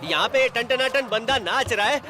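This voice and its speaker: A man dubbing an excitable young comic sidekick in a film, fussing and joking. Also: extremely high pitch, moderate pace. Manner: fussy, comic. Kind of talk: Hindi film dub.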